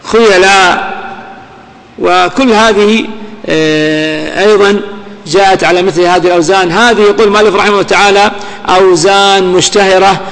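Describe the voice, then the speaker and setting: A male grammar teacher giving a classroom lesson, quizzing his class and repeating key words slowly. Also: high voice, steady tone, a bit bright. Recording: reverberant hall with long echo.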